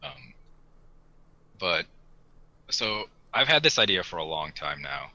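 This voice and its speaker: This co-host has a deep, sing-song voice, speaking at a slow pace with a sharp tone. He's on a hobby podcast, informally and eagerly chatting about model kits.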